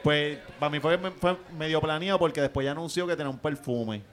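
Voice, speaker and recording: A Puerto Rican man with a fairly high voice trades crude, profane jokes as co-host of a live podcast chat. He curses loosely and riffs between laughs with the group. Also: a little fast, a crowd in the background.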